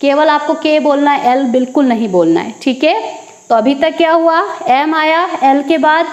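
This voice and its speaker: A woman teaching English at a board, slowly repeating each word and then answering her own questions. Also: sits high, roomy sound, lo-fi sound. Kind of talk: classroom lesson. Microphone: teaching at a board with a marker.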